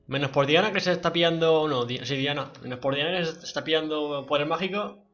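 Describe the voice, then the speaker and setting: A man giving live gameplay commentary, excitable and swearing a lot as he talks to his teammates. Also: fairly high pitch, brisk. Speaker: livestreaming gamer.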